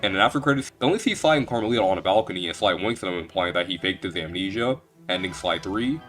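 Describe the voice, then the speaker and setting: A young man speaks quickly in a low voice while he reviews a game series. He rambles, restarts his sentences, and jokes along the way. Faint music plays behind him. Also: expressive, fairly bright tone. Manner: rambling, joking, many restarts. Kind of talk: casual video game retrospective.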